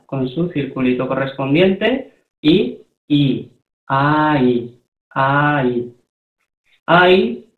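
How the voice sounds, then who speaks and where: A man teaching a language lesson, explaining things step by step and often checking that his students follow. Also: medium pitch. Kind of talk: slow, patient classroom explanation. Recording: echoey room over a thin phone-like line.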